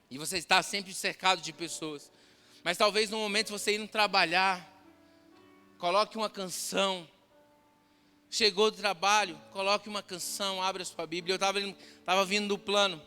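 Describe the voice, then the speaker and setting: A man's voice: high-pitched, bright, forceful tone, clear, resonant tone. A Brazilian man with a Brazilian Portuguese accent, a pastor preaching a fervent storytelling sermon to a congregation, often calling his listeners brother and dear. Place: church hall with a congregation. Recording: reverberant church hall, music behind.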